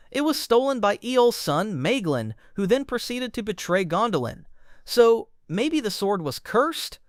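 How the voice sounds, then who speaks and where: A man reading a scripted lore explainer, with a wry, joking manner and quick comic asides. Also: sits high, no echo, clean studio sound. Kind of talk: scripted narration.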